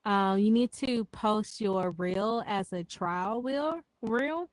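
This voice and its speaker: A woman's voice: medium pitch, takes it slowly, no echo. Memphis lady w southern accent, says w for r, mid voice, slangy explainer, dry sound. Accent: Memphis Southern American. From Memphis, United States. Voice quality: struggles to pronounce R's, says w for r. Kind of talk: casual chat, explaining social media.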